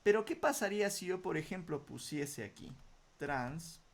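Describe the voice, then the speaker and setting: A man teaching a software tutorial, explaining each step patiently and often checking in with short questions before answering his own. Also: high-pitched, expressive, brisk, gravelly. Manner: asks rhetorical questions then answers them. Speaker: computer skills instructor. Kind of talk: screen-recorded software tutorial.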